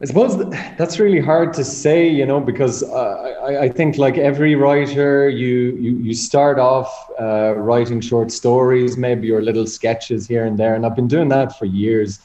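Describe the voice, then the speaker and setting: A man's voice: mid-range voice, normal speed, few pauses, dark tone. A man from Ireland, a guest author, answering interview questions in a hesitant, reflective, conversational way. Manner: hesitant, reflective, repeats words. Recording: muffled, roomy remote connection.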